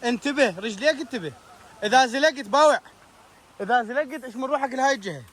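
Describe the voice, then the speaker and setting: A young man with an Iraqi Arabic accent vlogging an outdoor trip, excited and anxious, calling out warnings to friends. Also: very high voice, quick pace, slight background noise. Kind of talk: outdoor adventure vlog. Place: outdoors by a waterfall.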